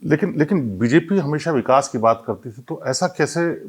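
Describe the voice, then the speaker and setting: A man's voice: a little high, animated, moderate pace, breathy edge. A man interviewing conversationally about politics, asking long, winding questions.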